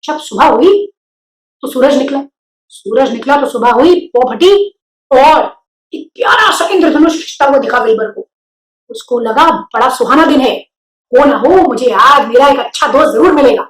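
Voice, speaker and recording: High-voiced woman telling a story. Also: moderate pace. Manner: lively, expressive reading. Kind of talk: storybook narration for children. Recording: roomy echo.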